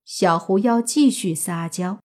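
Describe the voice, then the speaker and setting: A woman narrating a serialized suspense novel as an audiobook, steady storytelling. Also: medium pitch, a little slow.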